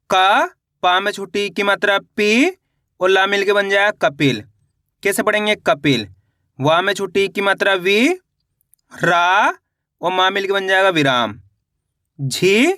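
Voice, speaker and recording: A man's voice: sits high, sharp tone, no echo, studio quality. A man teaching children to read, sounding out words syllable by syllable and then asking and answering his own questions. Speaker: Hindi reading teacher.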